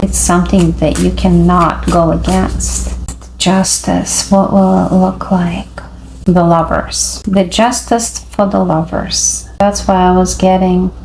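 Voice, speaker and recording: A woman giving an intuitive tarot reading, speaking in a halting, dreamy way with frequent pauses. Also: medium pitch, a little mellow, slight background noise, low-quality recording. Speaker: tarot reader.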